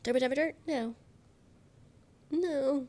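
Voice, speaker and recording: Her voice sits high and sounds mellow, and she isn't in any hurry. She's a young livestreamer who's sick, so she sounds nasal, congested and worn as she chats casually and rambles through reading chat aloud.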